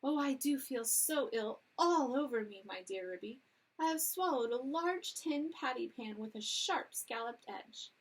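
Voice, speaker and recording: A woman's voice: sits high, expressive, a little slow, husky, voice pushed up, full character voice. A woman voicing an anxious, genteel lady dog in a storybook reading, polite and moaning.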